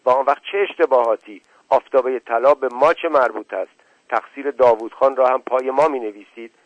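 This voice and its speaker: A man's voice: medium pitch, no room sound, dull audio, close to an everyday voice. A man voicing a proud, hot-tempered young man who protests and defends himself. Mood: indignant. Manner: indignant, protesting.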